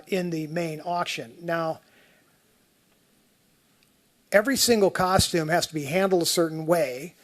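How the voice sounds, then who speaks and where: Man, hearing testimony, slightly high pitch, conversational, meandering, self-correcting. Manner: rambling and conversational, often restarting sentences. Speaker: taxpayer appellant testifying at a tax appeal hearing. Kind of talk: spoken testimony walking through slides.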